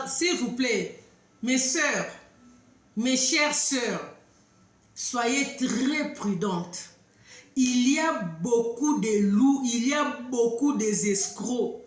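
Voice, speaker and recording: A woman telling a story and warning her listeners, emphatic, with loud outbursts and low asides. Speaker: online talk host addressing women. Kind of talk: animated storytelling monologue. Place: living abroad in southern Africa. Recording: very echoey room.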